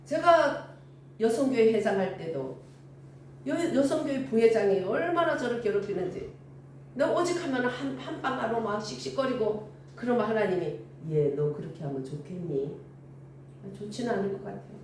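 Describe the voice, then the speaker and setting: A woman's voice: fairly high pitch, a little hiss or hum. Older woman preaching in an echoey room. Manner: animated storytelling with acted-out dialogue. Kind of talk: sermon. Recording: echoey room from far off with faint ambience.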